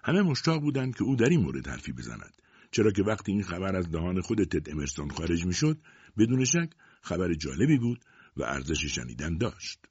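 A man narrating a story in a measured, expressive reading voice. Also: deep voice, husky, dry recording. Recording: dull lo-fi dry recording.

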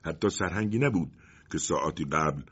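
A man narrating a story in an expressive, dramatic way with a husky voice. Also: extremely low pitch, muffled recording.

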